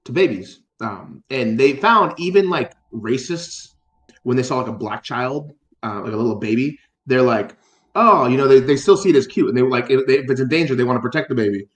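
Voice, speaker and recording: A man's voice: mid-range voice, a little fast, roomy sound. Guy just chatting, lots of like and um, keeps restarting sentences, cusses casually. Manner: rambling, many fillers and restarts, swears casually. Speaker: podcast co-host. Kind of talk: casual chat.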